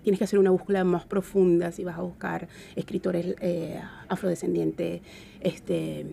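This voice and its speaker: Woman w venezuelan caribbean spanish accent, creaky low-ish end of phrases, halting, thinking out loud in an interview. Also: fairly even intonation, a little hiss or hum. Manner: halting, searching for words. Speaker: interview guest. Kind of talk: reflective conversational interview talk.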